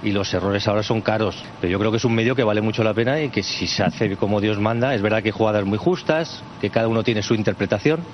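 A man giving a measured, reasoning statement in a played-in clip. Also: lowish voice, dull audio, slight background noise.

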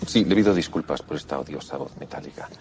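A man playing a calm heist leader who negotiates by phone through a metallic voice changer. He speaks in a measured, formal way. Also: extremely low pitch, creaky, heavy background noise.

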